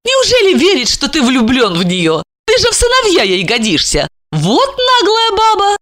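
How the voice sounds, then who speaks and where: A woman voices a greedy young woman in an audiobook, pitched very high and shrill. She nags and threatens in a slangy, demanding way, her voice leaping around. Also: huge pitch swings, normal speed, fairly bright tone, heavily acted. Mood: pushy. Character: brash, greedy young woman, impatient schemer. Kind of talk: audiobook character voice.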